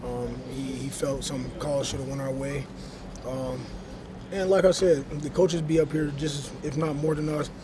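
Young male athlete, postgame presser, halting and measured, heavy crowd noise behind. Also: mid-range voice, level tone. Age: young adult. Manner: measured, halting, many fillers. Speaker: college linebacker. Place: stadium concourse with crowd noise.

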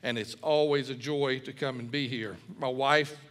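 A man's voice: medium pitch, steady tone, normal speed. A middle-aged man from Mississippi, preaching a sermon as a guest pastor in a folksy storytelling manner. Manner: folksy, warm storytelling with fillers.

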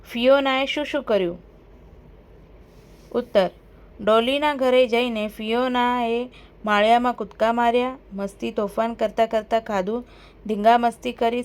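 A woman teacher, reading out workbook questions and answers in a steady, dictating way. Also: fairly high pitch.

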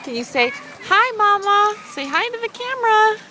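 A high-pitched young mother narrates a family home video on home camcorder audio. She coaxes her toddler in a sing-song voice through the built-in camera mic. The sound is noisy, with outdoor ambience clearly present behind her. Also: big pitch swings, moderate pace. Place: outdoors between two museums.

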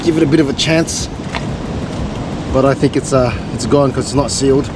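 A man's voice: medium pitch, fairly even intonation, normal speed. A man in his thirties with an Australian accent, chatting casually to an action camera while fishing from coastal rocks. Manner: laid-back, says "bro" and "man". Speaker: fishing vlogger. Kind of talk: casual outdoor commentary. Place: coastal rock ledge outdoors by crashing surf. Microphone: action camera, head or chest mounted. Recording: outdoor camera audio with loud wind and surf. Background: waves and wind.

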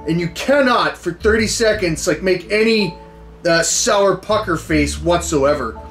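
Male American challenge vlogger, thirties, high voice, halting casual delivery with deadpan swagger, music behind. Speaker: food challenge video host. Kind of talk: casual to-camera challenge talk. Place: small indoor room full of memorabilia.

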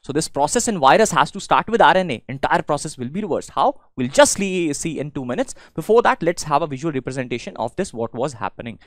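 A young man with a North Indian accent teaches a class at an exam coaching institute, standing in an indoor studio before a presentation board. Mixing Hindi and English, he explains through rhetorical questions and frequent check-ins, speaking fast and expressively in a high-ish voice with hardly any pauses. The recording is dry and studio quality.

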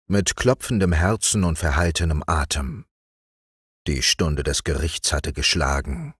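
A man calmly narrating fairy tales for an audiobook. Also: deep voice, breathy edge, dry recording, studio quality. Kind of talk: calm fairy tale reading.

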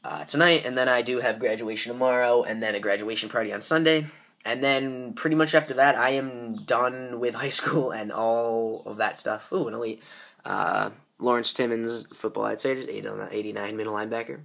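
A teenage boy running a gaming channel opens card packs while sick, his voice stuffed up and his throat sore, rambling casually with lots of fillers. He speaks at a normal speed with a medium, fairly even pitch that is creaky and a bit bright.

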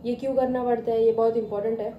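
A woman's voice: a little high, flat delivery, fast talker, muffled recording, slight background noise. A young woman chatting casually through a home cooking vlog, rambling and correcting herself as she goes. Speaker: cooking vlogger. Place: home kitchen.

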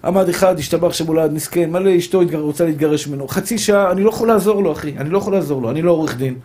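High-voiced man preaching with emphatic repetition. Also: mellow. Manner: emphatic, repetitive, addresses listeners as dear brothers. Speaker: rabbi. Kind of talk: Torah lesson to a live audience.

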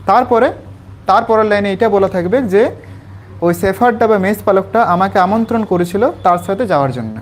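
A high-pitched man from West Bengal, India, tutors school students in English in a small class, explaining a textbook passage step by step. Patient and repetitive, he stops often with quick questions to check they follow, over slight background noise.

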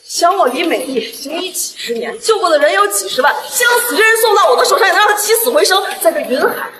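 A woman's voice: very high voice, expressive, quick pace, noisy background. An actress playing a proud, scornful middle-aged woman doctor who scolds others. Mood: indignant. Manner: haughty, scolding. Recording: echoey hall with murmuring crowd.

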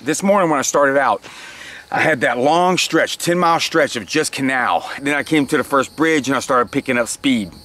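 Man in his forties, casual outdoor video diary, halting and rambling, camera held close, open water behind. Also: medium pitch, a bit bright. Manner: rambling, halting, with frequent restarts and small laughs. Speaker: kayak travel vlogger. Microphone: handheld camera or lapel, close framing.

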